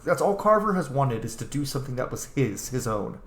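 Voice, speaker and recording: A man with a mid-range voice talks fairly quickly, his pitch swinging widely. He's a game streamer roleplaying his character, giving sweary, informal let's play commentary and reading in-game letters aloud. The room sounds echoey, with faint background noise.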